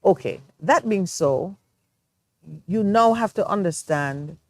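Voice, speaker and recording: This is a studio talk show discussion where a Jamaican woman, co-hosting the morning program, explains her views with earnest reflection. Her mid-range voice is animated yet slow, with a darkish tone and no room sound.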